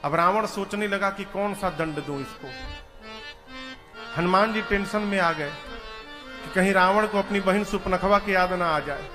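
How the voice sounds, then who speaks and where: A man, a preacher telling a devotional story with dramatic, animated delivery. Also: high-pitched, unhurried, long pauses. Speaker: katha preacher. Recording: reverberant hall with music.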